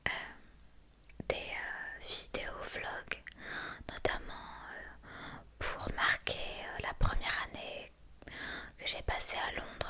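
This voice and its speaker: A young woman whispers closely in a breathy voice, chatting intimately and unscripted to one listener in an ASMR style. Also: bright, forceful tone. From France. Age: young adult. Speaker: ASMR creator and vlogger. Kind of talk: whispered ASMR casual chat.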